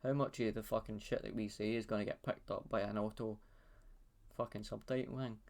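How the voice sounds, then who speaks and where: A man's voice: lowish voice, level tone, a little fast, darkish tone. A Scottish man hosting a podcast, chatting casually over a video call in a blunt, sweary, laid-back way. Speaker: podcast host. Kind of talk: casual chat. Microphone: webcam video call.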